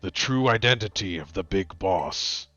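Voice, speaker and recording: A secretive teenage girl boss talks through a disguised deep voice-changer voice, as a man puts her on. The voice sits very low and moves slowly and theatrically. The stream audio is slightly dull and dry, with faint music underneath. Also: lively intonation, a bit bright, dry recording, full character voice.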